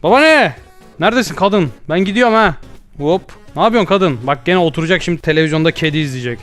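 A young man giving jokey, excitable gameplay commentary with loud comic outbursts. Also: on the high side, fast. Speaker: gaming YouTuber. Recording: faint background music.

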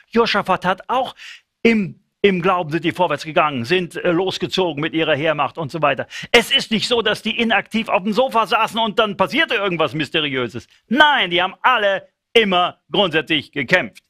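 A man preaching a sermon, emphatic and animated, acting out the lines he quotes. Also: high-pitched, dry recording, clean studio sound.

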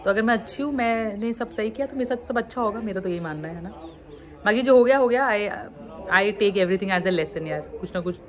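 A vlogger in her twenties from the hills of Uttarakhand, India, talks candidly to camera in an animated, mid-range voice, a little fast. Frustrated, she vents frankly to her viewers and mixes English phrases into her speech.

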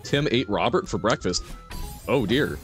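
A man's voice: on the low side, lively intonation, unhurried. A man livestreaming a game and chatting with viewers, chirpy and playful, with little sound words and exclamations. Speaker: live streamer. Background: game music.

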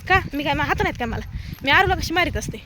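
A woman with a Marathwada Marathi accent keeps up a stream of teasing, scolding banter for her vlog, worn out from lugging a heavy bag. Her voice sits high and the words tumble out quickly. Traffic and street noise from the outdoor road come through clearly on the phone mic. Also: expressive. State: tired from carrying a heavy bag. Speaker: vlogger. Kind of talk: casual vlog chat while walking. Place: outdoors on a road on market day. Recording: noisy outdoor street recording.

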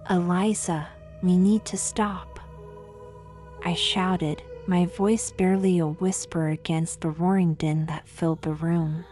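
A woman giving scripted horror narration, slow and grave. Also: fairly low pitch, darkish tone.

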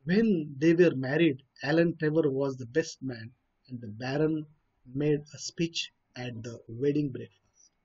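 A man with an Indian English accent reads a story aloud, then explains it in his own words, often hesitating with fillers and restarts. His medium-pitched, slightly rough voice has a darkish tone and a measured pace, captured in a dull lo-fi recording.

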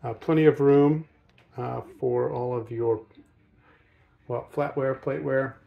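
A relaxed man gives a spoken tour of a docked sailboat, recorded on a handheld phone as he walks around. His voice sits at an ordinary middle pitch. He talks casually and fills his pauses with ums and uhs. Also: gravelly, lo-fi sound. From United States. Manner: relaxed, thinks aloud with frequent ums and uhs. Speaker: yacht salesman giving a boat tour. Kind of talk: casual walkthrough narration. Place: aboard a docked sailboat, outdoors then in the cabin.

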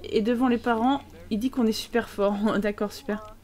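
A woman's voice: a little high, steady tone, normal speed, a little mellow. A woman streamer giving live gameplay commentary, chatting with viewers in a teasing, sarcastic way.

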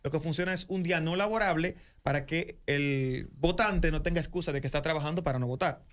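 A man's voice: fairly high pitch, fairly quick. A man explaining voting rules on a radio show in a studio, upbeat and explanatory. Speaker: guest explaining election rules. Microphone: studio mic with headphones.

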